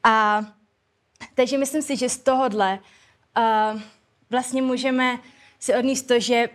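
A woman's voice: fairly high pitch, steady tone. A woman preaching an informal sermon at a church service and leading a prayer, speaking conversationally with many hesitations and colloquial phrasing.

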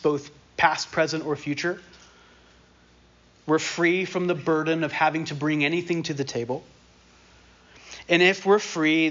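A man's voice: a little high, fairly bright tone. A man preaching a sermon in a casual, conversational way, repeating key phrases for emphasis. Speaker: pastor. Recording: dull lo-fi sermon recording.

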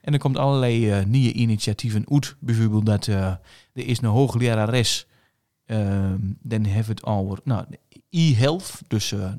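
A man's voice: lowish voice, normal speed, a little mellow. Man with a broad eastern Dutch accent. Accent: eastern Dutch regional (Low Saxon). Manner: broad dialect speech. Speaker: interviewer. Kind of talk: casual conversation in dialect.

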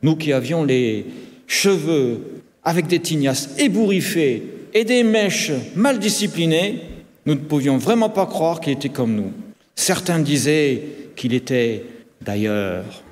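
A man narrating a children's story with animated, confiding delivery. His voice sits high and swings widely in pitch. A long, echoing hall reverb surrounds him. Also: a little slow.

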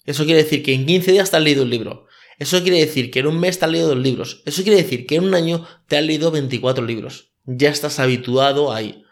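Man, slightly high voice. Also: fast talker. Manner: hesitant, frequent "eh" fillers. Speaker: life coach. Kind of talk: casual podcast monologue.

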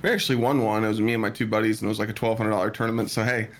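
A man's voice: on the low side, flat delivery, very fast. A man from Cleveland, Ohio, a streamer guest on a podcast, telling stories in a laid-back way with loose slang and chuckles. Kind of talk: casual storytelling.

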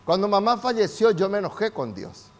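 High-voiced older Rioplatense pastor preaching. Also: male voice, very animated, brisk. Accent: Rioplatense Spanish. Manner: preaching with rising, shouted emphasis and calls for amen. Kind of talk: sermon.

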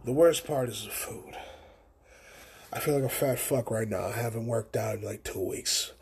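Gravelly, husky young man rambling casually. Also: mid-range voice, moderate pace, darkish tone. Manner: rambling, profane storytelling with slang. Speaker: podcast host. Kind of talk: casual solo podcast chat.

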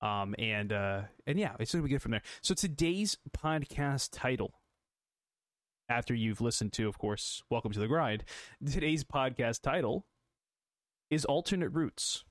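A man's voice: mid-range voice, lively intonation, measured pace, dry recording, clean studio sound. A young adult man hosting a solo motivational podcast, coaching listeners, repeating phrases and asking rhetorical questions. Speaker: podcast host.

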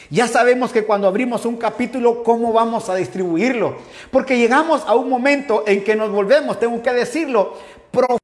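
A man pastor with an Ecuadorian accent, preaching a fervent sermon and calling his listeners "brother" again and again. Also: high voice. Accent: Ecuadorian Spanish. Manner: fervent, repeatedly addressing listeners as "hermano". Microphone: livestream mic.

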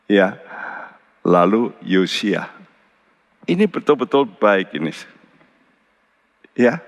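Guy preaching a sermon, earnest, voice jumps up high then drops low, big echoey hall. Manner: earnest preaching, often addressing listeners as brothers and sisters; pitch jumps high for emphasis, drops low and quiet for solemn points. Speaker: pastor. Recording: long hall reverb.

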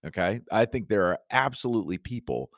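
Animated and fairly quick, a man with a lowish, fairly bright voice hosts his own solo podcast from his studio, and the sound is clean with no echo. As a podcast host and coach, he addresses the listener directly with upbeat enthusiasm and encouragement. A cold makes his voice a little scratchy.

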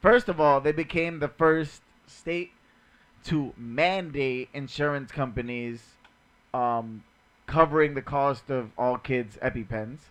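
A man's voice: medium pitch, slow, fairly bright tone. A man co-hosting a casual podcast chat, talking in loose slangy banter and swearing freely. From Dominican family ties. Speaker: podcast co-host.

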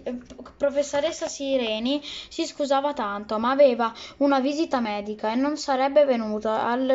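A woman with a high voice reads a children's novel aloud, often stumbling and restarting words. The recording is muffled and lo-fi. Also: darkish tone. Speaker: reader.

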